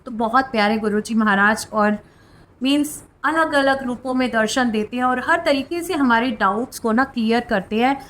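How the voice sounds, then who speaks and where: A woman with a high, light voice tells a devotional testimony in an earnest, heartfelt way. Her speech is sprinkled with soft filler words. A faint hiss sits under the voice. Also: moderate pace. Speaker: devotee sharing spiritual experiences.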